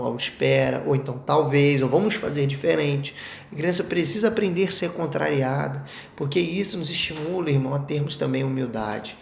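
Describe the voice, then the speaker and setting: Young brazilian guy giving a bible lesson, high gravelly voice, echoey room. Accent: Brazilian Portuguese. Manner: conversational, asks the class rhetorical questions. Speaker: Sunday school Bible teacher. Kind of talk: Bible lesson talk to a church class. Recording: echoey room with faint noise.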